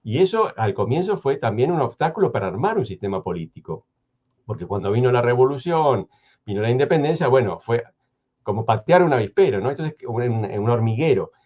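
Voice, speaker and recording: Measured Argentine man, slightly dull audio. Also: mid-range voice, sing-song, darkish tone. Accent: Argentine Spanish. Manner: measured, hesitant, many restarts. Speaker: guest historian. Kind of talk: thoughtful radio conversation.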